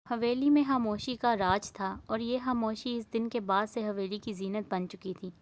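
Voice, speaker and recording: A woman with an Urdu accent reading a romance novel aloud, voicing dialogue and narration in a steady, even way. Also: a little high, moderate pace. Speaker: novel reader.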